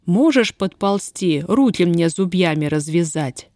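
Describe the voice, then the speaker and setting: Женщина читает реплики сердитой, резкой на язык молодой крестьянки, ругающейся простонародной речью. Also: female voice, on the low side, animated, unhurried, warm tone, no room sound, studio quality. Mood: grim. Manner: gruff, scolding, folk speech. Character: grim, sharp-tongued young peasant woman, bound.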